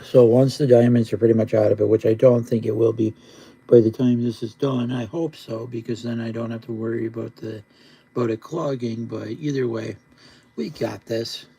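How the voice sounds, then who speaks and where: A man with a very dark, husky voice chats to a livestream in a laid-back stoner drawl. He rambles and repeats himself, keeping a flat, gravelly tone throughout. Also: mid-range voice, fairly quick, poor audio. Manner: repetitive, rambling. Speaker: live streamer. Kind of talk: casual rambling livestream chat.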